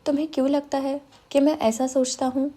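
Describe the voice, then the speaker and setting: A woman reading an audiobook, voicing a calm young man who speaks softly and tenderly. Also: very high voice. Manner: calm, soft-spoken.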